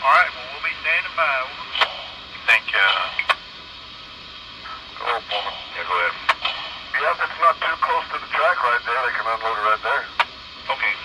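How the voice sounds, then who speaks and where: A man's voice: medium pitch, animated, normal speed, long pauses, natural voice. A man playing a railroad crewman, giving clipped calls over a two-way radio. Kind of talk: recorded train crew radio chatter. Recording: noisy two-way radio sound clip.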